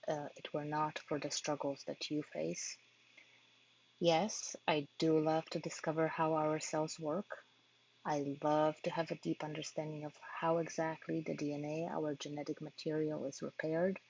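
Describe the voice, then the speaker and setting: A physician-scientist from Poland, a Polish native speaker, gives a research talk to patient families in a low, heavily gravelly, husky voice that is a little mellow. She is measured and earnest, hesitating now and then to find a word. The audio sounds dull and lo-fi, like an online talk.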